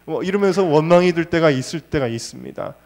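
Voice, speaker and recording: A senior pastor delivers a Sunday sermon at a church service, posing rhetorical questions to the congregation and driving points home through repetition. His voice is fairly high and expressive, fast-paced, with vocal fry and a darkish tone.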